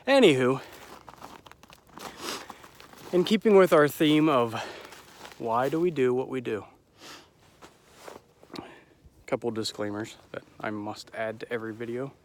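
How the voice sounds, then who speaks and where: A man's voice: mid-range voice, normal speed, long pauses, a little hiss or hum. Young male farmer filming himself in a field, slightly winded and stuffy, chatty and self-deprecating, mid-range voice. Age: young adult. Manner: rambling, self-deprecating, adds disclaimers. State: out of breath, has a cold. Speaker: farmer vlogger. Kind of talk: casual outdoor farm vlog. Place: outdoors in a winter pasture.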